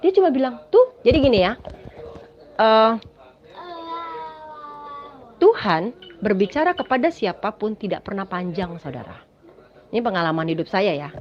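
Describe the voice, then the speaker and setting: A woman's voice: mid-range voice, animated, normal speed, pauses often. A woman giving a spoken personal testimony, telling her story dramatically and often addressing listeners as "Saudara". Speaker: testimony speaker. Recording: dull lo-fi recording.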